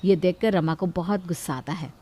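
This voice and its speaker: A woman narrating a cartoon story in a steady, scripted storytelling manner. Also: fairly low pitch, brisk.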